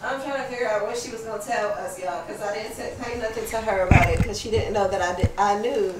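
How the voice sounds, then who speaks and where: A woman's voice: mid-range voice, fast. A woman in her thirties hosting a family vlog at home, chatting casually and laughing as she tells stories. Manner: laughing, animated storytelling. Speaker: vlog host, mother. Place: living room at home. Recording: echoey room with some noise.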